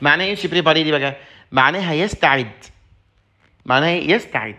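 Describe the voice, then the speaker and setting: A man's voice: a little high, very fast. A man with an Egyptian Arabic accent teaching a lesson, explaining a French text and acting out its dialogue lines. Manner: lively, acts out dialogue lines in a raised voice.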